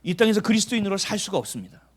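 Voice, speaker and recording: A man's voice: high-pitched, big pitch swings, rapid-fire, breathy edge. A middle-aged male pastor preaching a sermon, telling stories animatedly, acting out dialogue and pressing with emphatic rhetorical questions.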